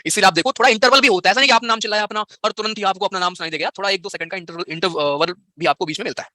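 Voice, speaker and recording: A man's voice: sits high, rapid-fire, sharp tone, dry recording, clean studio sound. A young man teaching physics in a live online class, playful and teasing as he banters with his students.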